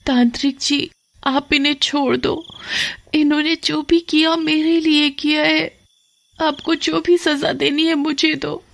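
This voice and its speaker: A narrator voicing a kind young girl in a cartoon, pleading in a high, tearful voice. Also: level tone, measured pace, gravelly, fairly bright tone, full character voice. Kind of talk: storybook cartoon voice acting.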